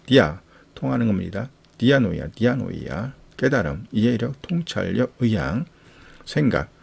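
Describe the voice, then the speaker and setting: Gravelly low-voiced man teaching vocabulary. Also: big pitch swings, normal speed, darkish tone. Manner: patient, repeats each word several times. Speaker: Greek Bible teacher. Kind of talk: vocabulary lecture with repeated drills.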